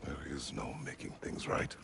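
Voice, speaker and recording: An actor playing a stern, terse old warrior god in a video game, with a deep gravelly voice. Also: male voice, moderate pace, a bit bright, slight background noise, lightly acted. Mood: grim, terse. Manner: terse, clipped, solemn.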